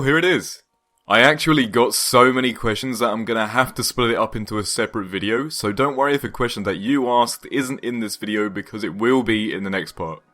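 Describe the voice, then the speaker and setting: A man's voice: mid-range voice, bright, forceful tone. Upbeat young man answering viewer questions. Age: 20s. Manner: upbeat, casual and chatty, joking asides. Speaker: YouTube gaming channel host. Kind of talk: Q&A vlog voice-over.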